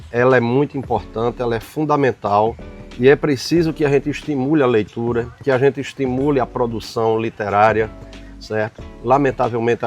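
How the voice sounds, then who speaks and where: An older man from the Paraíba backlands, an author answering interview questions reflectively, often pausing on "né". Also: mid-range voice. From Paraíba sertão, Brazil. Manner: reflective, frequent "né" tags and pauses.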